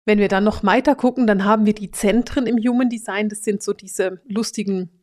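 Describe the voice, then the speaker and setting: A woman with a Swiss German accent, hosting a solo podcast and explaining her subject in a lively way, now and then acting out short quoted voices. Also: medium pitch, brisk. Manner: lively, acts out little quoted voices, drops to a whisper for emphasis. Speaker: podcast host and Human Design coach.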